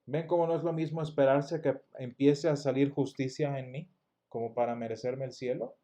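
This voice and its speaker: A man's voice: medium pitch, steady tone, normal speed, warm tone. Man teaching a church Bible lesson. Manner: explanatory, asks the class rhetorical questions; restarts words often. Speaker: Sunday school teacher.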